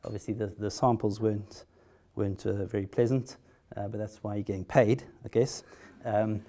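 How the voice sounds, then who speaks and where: A middle-aged South African man with a South African accent speaks in a lowish, warm, steady voice at a normal pace. He's a patient giving a hesitant conference talk, full of fillers and restarts, with a wry humor.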